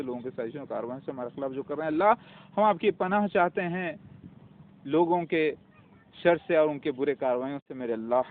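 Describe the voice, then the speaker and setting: A man giving a long preachy personal message in a pleading tone, calling the listener his daughter and now and then shouting at barking dogs. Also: a little high. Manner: shouts at barking dogs, breaks off mid-phrase. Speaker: self-proclaimed religious claimant. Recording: phone-like lo-fi with faint noise.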